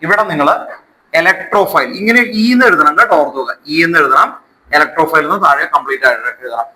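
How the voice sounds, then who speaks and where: This poorly recorded clip features a chemistry teacher whose fairly high voice is bright and forceful, with lively intonation and a quick pace. Speaking with a Malayali accent, he teaches step by step in Malayalam laced with English technical terms. He keeps repeating key words and posing check questions.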